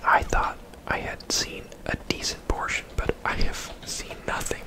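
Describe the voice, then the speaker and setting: A host gaming on camera whispers laid-back, casual ASMR commentary over the video game. The voice is breathy and unvoiced, and the pace runs a little slow.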